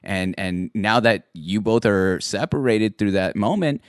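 Lively low-voiced male interviewer. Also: measured pace, smooth, no room sound, studio quality. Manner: friendly, reassuring, filler-heavy. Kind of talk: casual interview.

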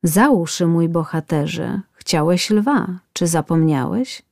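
A woman's voice: on the low side, expressive, slow pace, vocal fry, darkish tone, dry recording, clean studio sound, heavily acted. A woman voicing a stern, stubborn male barber in a storybook tale, matter-of-fact in manner.

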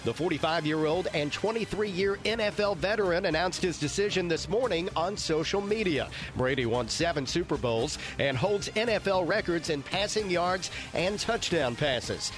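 A man's voice: a little high, lively intonation, normal speed, few pauses. A man reading a scripted sports update as a radio announcer. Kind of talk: scripted sports news read. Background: music bed.

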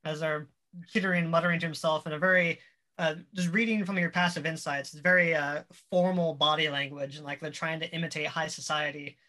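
A game master narrates a tabletop game in a bright, forceful voice. The delivery is casual and halting, with pauses to find the right word. The pitch sits in a middle range. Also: fairly even intonation.

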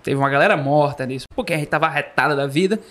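Guy w a pernambuco accent telling a funny story, fairly high voice, plays up the bits. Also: racing. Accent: Pernambuco Brazilian Portuguese. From Pernambuco, Brazil. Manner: playful, animated, jokey delivery with acted sound effects. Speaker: storyteller guest. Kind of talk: comic first-person storytelling.

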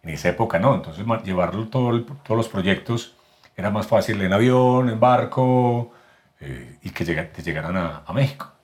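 A man's voice: fairly low pitch, moderate pace. A Colombian man from Medellín with a paisa accent, a voice actor and announcer talking as a podcast guest, explaining at length with frequent restarts and repeated words. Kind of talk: casual podcast interview.

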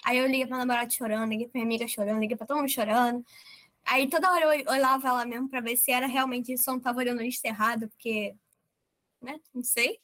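A young woman from Brazil telling an interviewer, in a casual and animated way, how she was approved, quoting herself and others as she goes. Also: a little high, fast talker. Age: young adult. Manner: animated, quotes herself and others in lively voices. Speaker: approved medical student guest.

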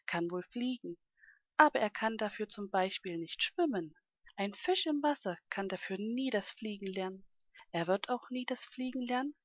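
A woman voicing a big, kindly male ostrich who explains things gently in a storybook reading. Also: mid-range voice, no echo, lo-fi sound, lightly acted.

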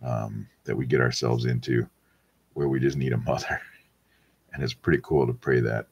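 A man hosting a weekly live rosary podcast from his home, talking in a soft, hesitant, casual way with many pauses and ums. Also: rumbling low, steady tone, gravelly, husky, muffled recording. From Wisconsin, USA. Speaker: podcast host leading the rosary. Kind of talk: casual prayer-show chat.

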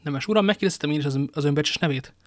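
A courteous guard commander in a storybook, formal and polite, as a male reader puts him on. The voice sits slightly high and is recorded close and dry. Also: no echo, close to an everyday voice.

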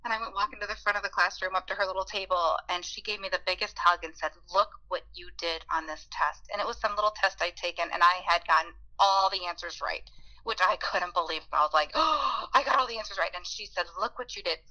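A woman's voice: on the low side, steady tone, fairly quick, sharp tone, highs cut off. A woman in her forties, a beginning teacher, earnestly telling personal stories in an interview and acting out the voices she remembers. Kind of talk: heartfelt personal storytelling.

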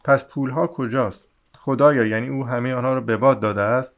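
A man's voice: medium pitch, steady tone, close to an everyday voice. A man reading aloud the lines of a furious, desperate poor mother and wife, scolding in an angry outburst. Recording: slightly dull lo-fi audio.

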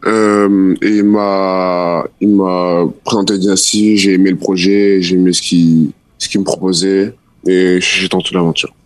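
A teenage basketball player, talking casually in an interview, laid-back and slangy with many fillers. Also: male voice, sits low, level tone, a little slow. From France. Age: teens. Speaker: young basketball player guest.

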